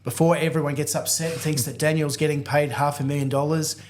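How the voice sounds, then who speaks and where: A man's voice: fairly high pitch, fairly even intonation, fast. A man hosting a real estate podcast, introducing his guest with upbeat enthusiasm. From Australia. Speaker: podcast host. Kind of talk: casual podcast interview.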